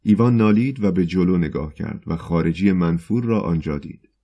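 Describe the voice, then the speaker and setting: A man reading a novel aloud in measured, scripted audiobook narration. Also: low-pitched, warm tone, highs cut off.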